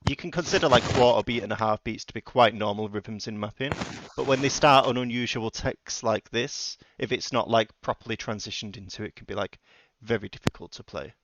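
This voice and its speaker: A man's voice: on the low side, a little fast, hardly any pauses, lo-fi sound, background noise. A man explaining rhythm game mapping casually, filling his sentences with "like". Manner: filler-heavy, uses "like" a lot.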